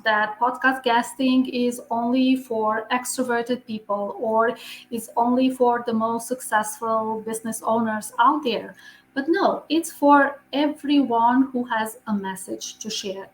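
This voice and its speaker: A Romanian woman with a Romanian accent, for whom English is a second language, speaks earnestly as a guest on a podcast interview, where she appears as a visibility expert. Her voice is fairly high, and the echoey room adds a faint hiss or hum.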